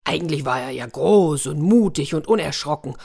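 A woman tells a children's story with dramatic, expressive narration. Her voice sits low for a woman. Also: normal speed, gravelly, husky. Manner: dramatic, sound-painting delivery.

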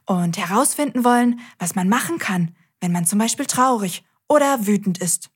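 A woman's voice: medium pitch, lively intonation, moderate pace, husky. A woman hosting a scripted children's audio show, cheerfully talking straight to the kids.

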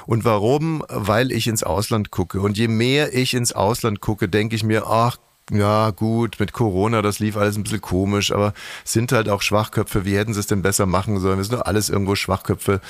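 A man's voice: steady tone, moderate pace, no room sound, studio quality. A man co-hosting a podcast in casual chat, ironic and rambling. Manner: ironic, rambling, jumps to high mock-cheerful tones. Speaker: podcast co-host.

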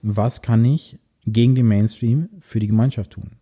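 Dark-voiced man talking haltingly. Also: on the low side, steady tone, slightly rough. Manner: halting, searching for words. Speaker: podcast guest, music promoter. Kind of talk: casual chat.

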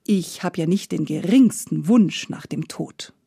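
A carefree young man in a fairy tale, speaking briskly and lightly, as a woman reads him. The voice is mellow and warm, with dry close sound. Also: lowish voice, gravelly, husky, dry recording, heavily acted.

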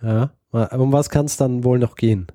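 Mellow-voiced man telling history casually. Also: mid-range voice, steady tone, measured pace, no echo, clean studio sound. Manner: hesitant, many fillers and restarts, laughs easily. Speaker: podcast co-host. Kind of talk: casual history podcast storytelling.

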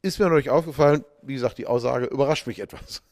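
A man co-hosts a relaxed casual chat. His voice sits at an ordinary pitch, recorded close and dry. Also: quick pace, dry recording. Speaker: podcast co-host.

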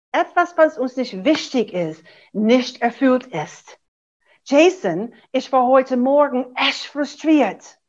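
A middle-aged American woman, a native English speaker, coaching a webinar in German in an animated way and acting out short sample dialogues, on dull lo-fi webinar audio. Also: high-pitched. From USA. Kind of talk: webinar teaching.

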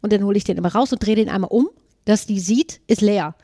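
A woman host chatting on a podcast, rattling off everyday anecdotes with plenty of animation. Her voice sits at a middling pitch and is recorded close and dry, with no room sound around it. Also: quick pace, mellow, dry recording. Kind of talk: casual chat.

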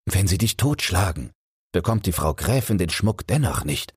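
A man's voice: low-pitched, very animated, moderate pace, husky, dry recording, studio quality, pitched above the performer's own voice, heavily acted. A man voicing a carefree journeyman smith who teases his fearful companion in a fairy-tale audiobook. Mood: teasing, easygoing. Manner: teasing, easygoing.

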